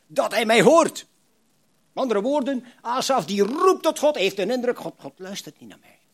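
A man preaching a sermon, swinging between loud emphatic lines and soft low asides, and reading scripture aloud with feeling. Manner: frequent tag questions, reads scripture aloud expressively.

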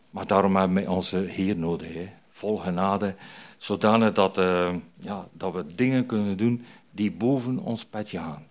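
A man's voice: on the low side, a little mellow. An older man preaching an informal sermon, chatty and full of fillers and tag questions. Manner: chatty, frequent "hè" tags and fillers. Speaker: prison chaplain preacher.

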